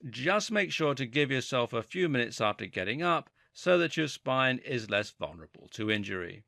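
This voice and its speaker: Bright, lively male instructional narrator. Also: medium pitch, normal speed, vocal fry, no echo, clean studio sound. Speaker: narrator of a fitness guide.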